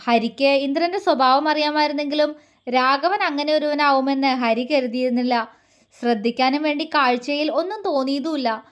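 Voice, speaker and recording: A woman with a high voice narrates a dramatic romantic story. Her reading is emotive and expressive, keeping the scenes flowing as a storyteller.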